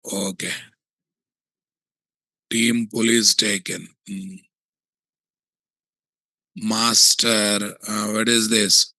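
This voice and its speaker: A man with a Telugu Indian English accent giving a software tutorial, thinking aloud and often asking questions that he answers himself. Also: lowish voice, no echo, rough recording. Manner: asks and answers his own checking questions.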